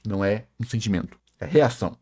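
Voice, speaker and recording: A man's voice: lowish voice, animated, quick pace, a little mellow, breathy edge. A man reacting to a video in a heated critical rant, sarcastic and emphatic, with lots of swearing.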